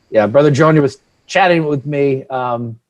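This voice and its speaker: American man as panel moderator, stumbling, restarting questions, video call audio. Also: mid-range voice. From United States, Virginia. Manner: halting, self-correcting questions with frequent laughs. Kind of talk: casual moderated panel discussion.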